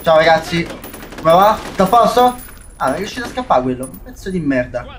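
A young Italian gaming YouTuber with a high, slightly bright male voice does brisk, very animated let's play commentary. He swears, sounds jumpy, and addresses viewers as "raga," while faint game noise and gunfire play in the background.

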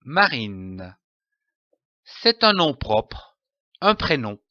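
A man giving a reading lesson, spelling out letters and sounding out each syllable clearly. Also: medium pitch, sing-song, very slow, dry recording, dull audio. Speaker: reading teacher.

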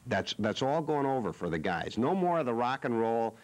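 A man's voice: mid-range voice, very animated, moderate pace. A man hosting a cable TV talk show from a studio, joking and teasing in a rambling way. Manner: playful, teasing.

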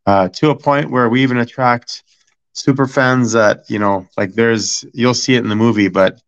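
A man's voice: medium pitch, moderate pace. A middle-aged man talking casually as an interview guest about his family's restaurant, rambling with many fillers and restarts. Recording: dull lo-fi sound.

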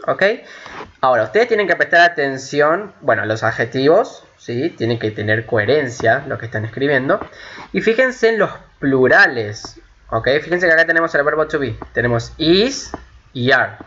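A man teaching an English grammar lesson, patiently repeating points, checking understanding with frequent "ok?", and saying the English examples slowly and carefully. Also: medium pitch, big pitch swings, pushed and bright. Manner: switches between Spanish and slow, carefully spoken English. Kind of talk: recorded online lesson explaining grammar. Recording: dull lo-fi home recording with faint hiss.

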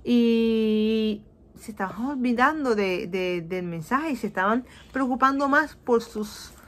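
In a small indoor room, a woman in her thirties from Puerto Rico teaches children a Bible lesson over a webcam video call, her voice a little high and her accent Puerto Rican Spanish. Animated throughout, she acts out people's voices, slips into English, and asks "¿ok?" often.

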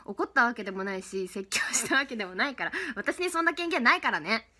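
Bright high-voiced young woman streaming. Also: big pitch swings, fast talker. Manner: chatty, giggly, reads out fan names and thanks. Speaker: idol livestream host. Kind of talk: casual livestream chat.

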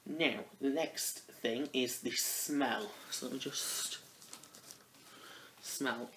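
A man's voice: medium pitch, very slow, fairly bright tone, a little hiss or hum. A man giving a casual spoken product review, rambling and hesitant, often restarting his phrases. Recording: roomy echo.

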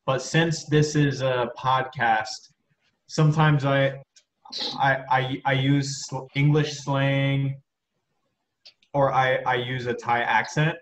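A man's voice: mid-range voice, steady tone, takes it slowly, echoey room, rough recording. A man from the United States with an American accent, chatting casually and repeating words as he explains. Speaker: English teacher as podcast co-host. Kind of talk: casual chat.

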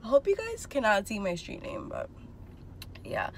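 This vlogger, a woman in her twenties, rambles candidly and chattily into a phone held at arm's length from inside her parked car, leaning hard on fillers. Her fairly high voice swoops wildly in pitch at a moderate pace, with vocal fry and slight background noise.

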